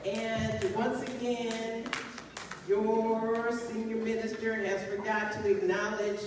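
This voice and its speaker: A woman's voice: on the high side, level tone, takes it slowly. A woman serving as senior minister, addressing her congregation in a jovial, teasing way. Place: large church hall. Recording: echoey hall from far off, with loud crowd noise.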